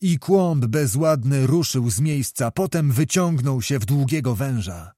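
A man reading a historical novel aloud as an audiobook narrator, in a measured storytelling manner. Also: medium pitch, animated, mellow, no room sound, clean studio sound.

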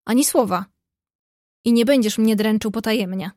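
A woman voices a spirited, quick-tempered young woman from a storybook. She talks in a lively, outspoken way. The voice sits fairly high and the recording is dry and close. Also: dry recording, natural voice.

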